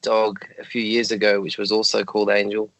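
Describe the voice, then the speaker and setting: A man with a croaky voice, giving measured, explanatory answers as a podcast guest. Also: lowish voice, monotone, fairly bright tone, a little hiss or hum, poor audio. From Australia. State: croaky voice, late at night. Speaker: guest, dog health advocate.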